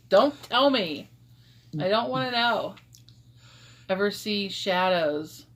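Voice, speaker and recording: A woman's voice: medium pitch, lively intonation, extremely slow, fairly bright tone. Chatty woman paranormal investigator. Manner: chatty, laughs often, fillers like "um" and "like". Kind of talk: casual live-stream chat.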